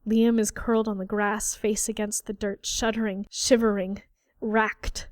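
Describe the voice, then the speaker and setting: A woman narrating an audiobook fairy tale in a measured, dramatic storytelling style. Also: medium pitch, level tone, no room sound, studio quality. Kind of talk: scripted narration.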